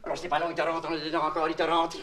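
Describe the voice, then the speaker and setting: Very fast and monotone, this slightly high male voice is lightly acted, with a crowd audible behind it. A Québécois comedian portrays a childlike, naive tramp clown who rambles, confides in the listener and garbles words into puns, recorded on an old, noisy, distant, echoey LP.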